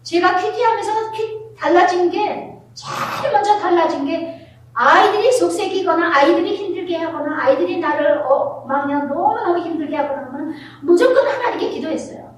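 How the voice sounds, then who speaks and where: A middle-aged woman pastor preaching a sermon, telling family stories with animated, acted-out scenes. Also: extremely high pitch, moderate pace, slight background noise. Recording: very echoey hall, voice from far off.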